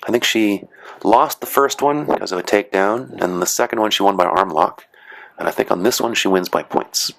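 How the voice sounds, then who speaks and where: A man casually narrates footage of matches he refereed, rambling along with "you know" and "uh" and slipping in dry jokes. His lowish voice is brisk, gravelly and a bit bright. The low-quality recording carries slight background noise.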